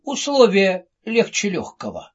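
A carefree, trusting young prince as a man reads him blurts out eager answers. His voice sits fairly high and a little husky. The storybook recording sounds dull and lo-fi. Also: wildly swooping pitch, unhurried, exaggerated voice.

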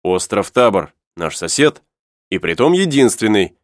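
A man's voice: on the low side, very animated, unhurried, no echo, studio quality. A man reading the part of a stubborn sailor who insists on his plan, in a storybook reading. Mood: insistent.

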